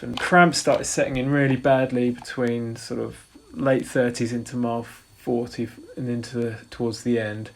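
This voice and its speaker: A man in his forties giving a casual race report, rambling with frequent restarts and fillers. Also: medium pitch. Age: 40s. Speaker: ultrarunner vlogger.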